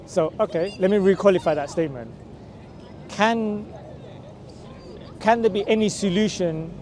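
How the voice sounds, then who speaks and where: The man's voice sits high with a darkish tone, moving at a normal speed. He's a street preacher in conversation outdoors in a busy city square, persuasively pressing his questions with repeated checks like "right?", recorded on a camera mic from a few meters away.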